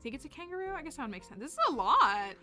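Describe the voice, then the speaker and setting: A woman streams a game with casual running commentary. Her voice is high and bright, and soft game music plays behind her. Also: sing-song, very fast.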